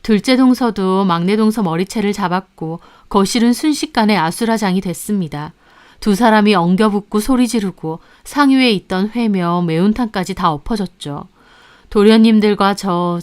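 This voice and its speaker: A woman tells a family drama in the first person, with a smooth, clear voice at a middle pitch. She recounts events calmly, in a confiding tone. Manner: calm confiding retelling. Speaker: narrator. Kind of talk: first-person story narration.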